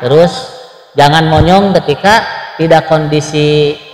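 A man teaching Quran recitation online, gently correcting students and chanting short examples. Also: fairly high pitch, steady tone, roomy sound, long reverb tail, faint music behind, low-quality recording. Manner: chanting examples slowly between plain explanations. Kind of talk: online tajweed lesson.

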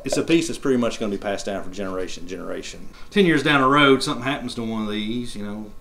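A man's voice: on the low side, expressive, fast talker, gravelly, background noise. A young man who works as a mask artist, talking eagerly in an interview and repeating himself, recorded in a workshop showroom by a camera mic. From Wisconsin. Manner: eager, rambling, repeats phrases. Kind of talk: interview, casual explaining.

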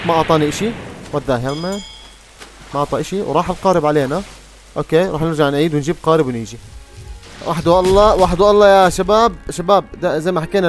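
A young man talks through his gameplay at a rapid clip, often breaking into excited exclamations. His voice sits a little high. Game music plays quietly behind him. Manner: excitable, yells and exclaims at surprises. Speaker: gaming youtuber. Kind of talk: live gameplay commentary.

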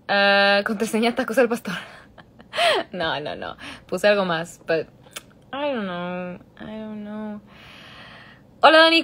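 A young woman from Mexico with a medium-pitched, fairly bright voice giggles and chats as she answers fans on a phone livestream, switching between English and Spanish. She's in a large indoor room, with the phone camera held at arm's length.

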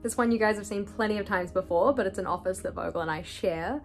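A woman's voice: mid-range voice, fast, soft background music. Chatty New woman touring her house. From New Zealand. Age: young adult. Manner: chatty, wry asides. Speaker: vlogger. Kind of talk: casual house tour. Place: house, indoors, moving room to room. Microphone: phone held at arm's length.

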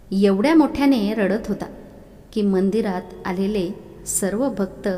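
A woman narrating a devotional story in an expressive reading voice, recorded with a long reverb. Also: medium pitch.

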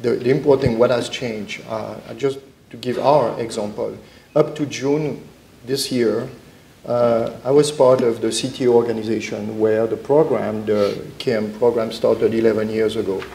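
A man's voice: mid-range voice, steady tone, normal speed, warm tone, reverberant, slight background noise, poor audio. A middle-aged man speaking as a panelist on a conference stage, explaining earnestly with frequent restarts. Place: conference stage before an audience.

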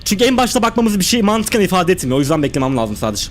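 A man's voice: sits high, big pitch swings, very fast, slight background noise. A young man live-streaming a horror game, reacting tensely and chatting with his viewers.

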